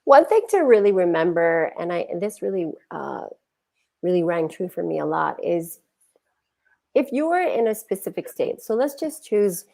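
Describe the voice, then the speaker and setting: A woman giving a conversational talk on healing, animated and acting out quoted feelings as she speaks. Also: on the low side, moderate pace, creaky.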